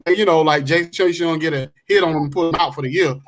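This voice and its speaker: Guy on a sports podcast, kinda high voice, easygoing, keeps saying "you know what i'm saying". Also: racing, poor audio. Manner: laid-back, repeats phrases, laughs often. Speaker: podcast co-host. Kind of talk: casual sports chat.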